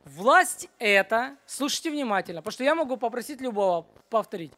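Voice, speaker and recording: A woman teaching at a children's church, running a brisk Bible quiz and then a short sermon, and she keeps hushing the noisy group. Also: a little high, animated, dry recording.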